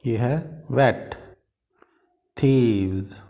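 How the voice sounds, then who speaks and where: A male teacher from India giving a pronunciation lesson, slowly repeating each example word several times. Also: mid-range voice, mellow. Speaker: language teacher.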